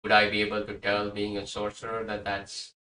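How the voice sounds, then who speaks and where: A man playing in a tabletop game, summing up the story in a halting way with many pauses. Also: fairly low pitch, monotone, bright, forceful tone. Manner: halting, full of "uh"s. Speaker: player. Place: room at a live-streamed game table. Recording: roomy sound, distant mic, faint hiss.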